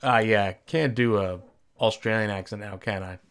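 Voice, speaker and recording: Gravelly man rambling over gameplay. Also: fairly low pitch, moderate pace, a bit bright. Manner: rambling, self-correcting. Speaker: gaming channel host. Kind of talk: casual game commentary.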